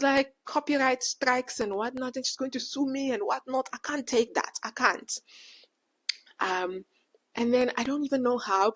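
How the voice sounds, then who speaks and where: A woman in her late twenties who says w for r, speaking as a podcast host in casual, animated personal reflection with slangy retold dialogue. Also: a little high. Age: late 20s. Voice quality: can't pronounce R, says w for r.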